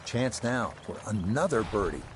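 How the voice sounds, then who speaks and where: A man playing a composed golf commentator, calling play in a measured, approving, polished broadcast delivery for a video game. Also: on the low side, very animated, a little hiss or hum. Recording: loud music and crowd behind. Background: music and crowd.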